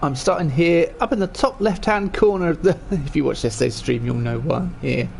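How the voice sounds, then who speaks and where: A man with a croaky voice hosts a gaming livestream in a chatty, rambling, self-deprecating way. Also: fairly high pitch, brisk, faint music behind. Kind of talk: casual livestream game commentary.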